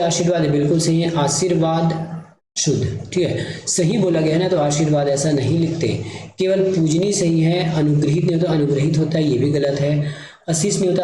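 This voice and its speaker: A man's voice: a little high, mellow. Man teaching in a very echoey room. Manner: repetitive, checks in with listeners, writes while talking. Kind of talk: spelling lesson explained at a board. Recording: very echoey room with faint noise.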